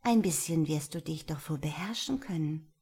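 A woman's voice: sits low, lively intonation, normal speed, mellow, breathy edge, heavily acted. Woman voicing a teasing, dominant lover. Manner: teasing, whispering close.

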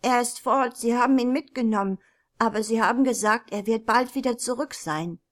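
A woman's voice: a little high, normal speed, natural voice. A woman reading aloud, voicing a little boy in a storybook, talking in a hurry. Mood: breathless. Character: little dark-haired boy, breathless.

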